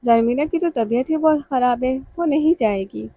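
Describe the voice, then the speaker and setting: A woman's voice: high voice, no echo, lo-fi sound. A woman reading the lines of a stern mother who stresses her words pointedly.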